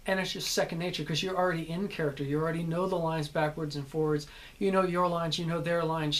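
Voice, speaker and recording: A man, an actor, giving an earnest instructional talk on building a character, repeating points as he explains. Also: fairly high pitch.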